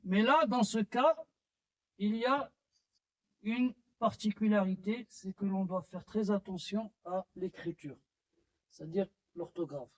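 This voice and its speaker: A man teaching a basic French lesson, explaining step by step with frequent pauses, restarts and fillers. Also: sits high, muffled recording. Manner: slow, halting delivery with pauses and fillers. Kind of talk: slow classroom-style lesson.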